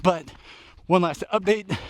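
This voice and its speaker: This book vlogger, high-pitched and unhurried, records a casual recap while jogging outdoors after dark, panting between short phrases. Despite the setting, the audio sounds studio quality with no room sound.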